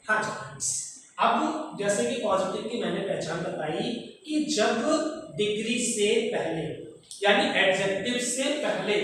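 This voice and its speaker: A teacher explains grammar at an unhurried pace, repeating each rule and pausing to ask the class questions. The voice sounds distant and booms through a very echoey room with a long tail. A faint hum of noise sits underneath. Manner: explains step by step, repeats rules, quizzes students.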